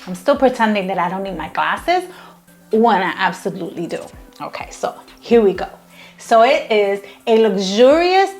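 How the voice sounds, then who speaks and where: A woman in her fifties talks straight to her viewers in a warm, gushing way, as if chatting with friends. She drifts into self-mocking asides about her glasses and her pronunciation. Faint music plays quietly underneath. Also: medium pitch. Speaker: craft tutorial host. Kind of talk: casual chatty tutorial.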